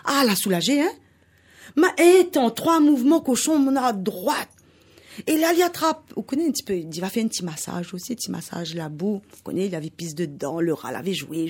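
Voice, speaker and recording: Storyteller: woman, Réunion Creole French accent, husky, very lively pitch. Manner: animated, laughing, sound effects. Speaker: storyteller guest. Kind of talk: oral folk tale telling.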